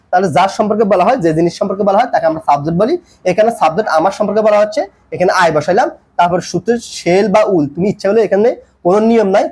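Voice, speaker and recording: A man's voice: sits high, darkish tone, slightly rough. A man teaching English grammar in a tutorial lesson, repeating points and quizzing the viewer with questions as he explains.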